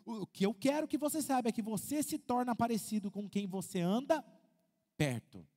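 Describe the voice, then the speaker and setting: A Brazilian pastor with a strikingly high voice preaches a lively sermon, firing questions at his congregation and acting out what people say. His words ring out with the long reverb of a large church hall. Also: normal speed. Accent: Brazilian Portuguese. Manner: lively, asks the congregation questions, acts out quotes. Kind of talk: animated sermon.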